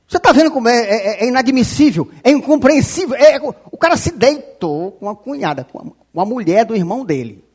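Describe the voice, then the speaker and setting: A pastor preaching a fiery sermon, shouting and scolding the congregation, often calling them "rapaz". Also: male voice, extremely high pitch, lively intonation, a little fast, slightly rough. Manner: quotes scripture aloud.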